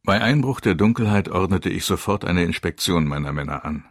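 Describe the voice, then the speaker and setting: A man giving grave, measured first-person narration of a war memoir. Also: low voice, expressive, no room sound, studio quality.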